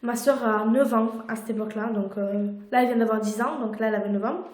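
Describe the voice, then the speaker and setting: A woman's voice: a little high, fast. Chatty young woman in an echoey room. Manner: chatty, many fillers and restarts. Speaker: vlogger. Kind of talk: casual storytime vlog. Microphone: phone camera.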